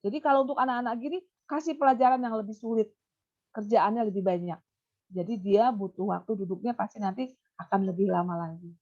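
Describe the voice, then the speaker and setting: A woman consultant and behaviour therapist giving an animated webinar talk, now and then putting on a high coaxing voice to show how to talk to a child. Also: a little fast. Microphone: webinar computer mic. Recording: muffled online webinar audio.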